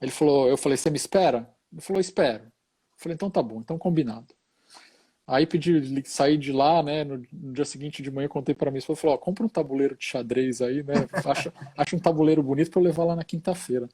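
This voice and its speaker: Husky-voiced Brazilian man telling a story. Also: on the high side, fast talker, warm tone. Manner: easygoing, tag questions after many phrases. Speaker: hospital chaplain. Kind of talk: storytelling in a casual conversation.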